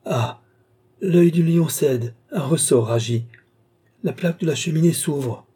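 A man reading the part of an entranced young woman who describes a distant vision in halting phrases, in an audiobook reading. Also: fairly high pitch, warm tone, breathy edge. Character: entranced young woman seer, wide-eyed and fearful.

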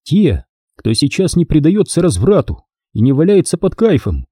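A man voicing a wary, defiant former pirate captain woman in a dark, husky voice, reading dialogue from an audiobook. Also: fairly high pitch, sing-song, normal speed, no room sound, studio quality, pitched above the performer's own voice. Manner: skeptical, challenging questions.

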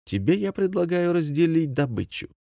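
Man doing a pompous ex-director, grandiloquent, theatrical, higher pitched, dry close audiobook sound. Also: big pitch swings, moderate pace, gravelly, mellow, no echo. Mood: scheming. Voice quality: grandiloquent, theatrical, rhyming speech. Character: boastful pompous middle-aged male ex-theatre director. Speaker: commandant.

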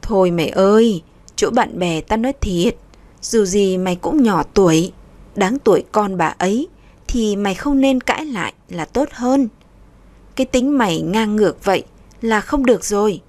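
A woman's voice: mid-range voice, expressive, moderate pace, darkish tone, lightly acted. A woman voicing a frank young woman who gives her friend blunt, lecturing advice.

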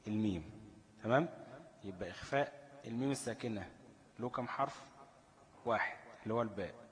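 A man's voice: fairly low pitch, big-room sound. A man with an Egyptian accent teaching tajweed, asking his students questions and stretching out the recited examples. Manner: call-and-response questioning, drawn-out recited examples. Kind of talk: tajweed lesson.

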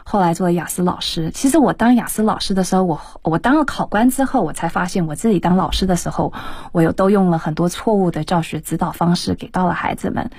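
A woman's voice: on the low side, fast talker, few pauses, a little mellow, breathy edge, no echo, clean studio sound. A woman who works as an exam examiner and teacher, explaining test tips as a guest on a radio talk show, with many hesitant fillers.

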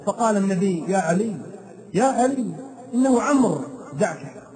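A man delivers a live sermon in a high voice, telling his stories with dramatic, emotional emphasis. The sound of a gathered crowd is clearly heard around him. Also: lively intonation, normal speed, rough recording. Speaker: preacher.

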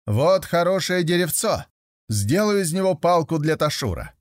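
A man voicing a bold, crafty young herdsman who boasts loudly. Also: fairly high pitch, animated, normal speed, dry recording, clean studio sound, pitched above the performer's own voice, natural voice. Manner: loud, boastful exclamations.

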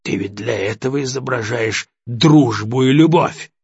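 A man's voice: medium pitch, a little slow, a little mellow, slightly rough, no room sound, dull audio. A man reading an audiobook, voicing a stern, sarcastic middle-aged father who speaks coldly and accusingly. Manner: cold, accusing.

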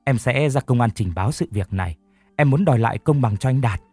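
A man's voice: medium pitch, lively intonation, fairly quick, darkish tone, husky, no echo, soft background music. A man voicing a caring young woman who speaks in a soothing, earnest way. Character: caring young woman narrator, gentle and firm.

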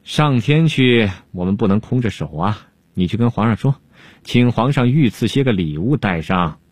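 A man's voice: on the low side, expressive, moderate pace, a little mellow, no room sound. A man voicing a sly, unflappable male Han court jester-scholar who talks in a teasing, self-assured drawl.

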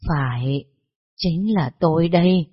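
An elderly grandmother, voiced by a storyteller, speaks in a quavering, slightly husky voice. The sound is dry and close, and the recording is dull and lo-fi. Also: medium pitch, slow pace, dry recording. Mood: tearful. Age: over 60. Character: elderly grandmother, long-waiting, tearful.

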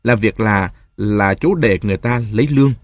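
A man voicing a calm, sardonic husband in his forties. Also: on the low side, normal speed, no echo, clean studio sound, lightly acted. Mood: gentle. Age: 40s. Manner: cool, mocking, then gentle with his child.

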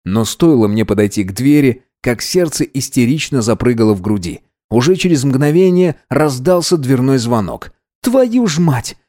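A man narrating a fantasy audiobook in the first person, even and measured. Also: mid-range voice.

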